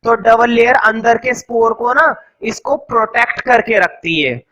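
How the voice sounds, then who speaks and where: A man teaching a class, slowly dictating notes word by word and asking the students quick questions in between. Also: very high voice, bright, forceful tone, low-quality recording. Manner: quizzes students with rhetorical questions; teasing, joking. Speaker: science teacher. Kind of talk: classroom lecture.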